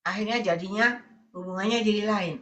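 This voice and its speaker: A woman's voice: medium pitch, a little fast, roomy sound, lo-fi sound, slight background noise. A woman evangelist preaching over an online meeting, telling stories and speaking directly to her listeners in short repeated phrases. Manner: storytelling, often addresses listeners as brothers and sisters; repetitive, listing phrases. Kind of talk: sermon over Zoom.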